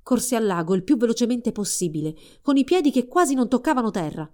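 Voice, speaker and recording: A woman reading a fairy tale aloud in a calm, expressive storybook narration. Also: fairly high pitch, fast.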